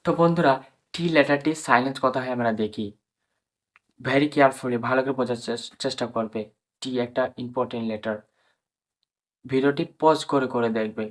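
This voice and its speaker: A man's voice: mid-range voice, steady tone, normal speed, pauses often. A man teaching English pronunciation to viewers. He spells words out letter by letter, drawing out each sound, and keeps urging the viewers as friends to understand. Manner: addresses viewers as friends and urges them to understand.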